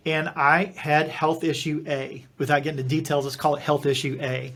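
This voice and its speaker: A man's voice: a little high, little pitch movement, normal speed, fairly bright tone. A middle-aged man from Eastern Kentucky, a podcast guest and company founder, telling a personal story and acting out the dialogue, often restarting his sentences. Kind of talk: storytelling in an interview.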